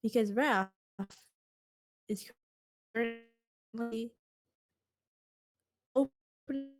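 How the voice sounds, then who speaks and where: A woman narrating as game master over an online call, her voice glitching and warbling as the connection breaks up, with a halting, hesitant delivery. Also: fairly high pitch. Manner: halting, filler-heavy delivery. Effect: glitching, warbling call audio.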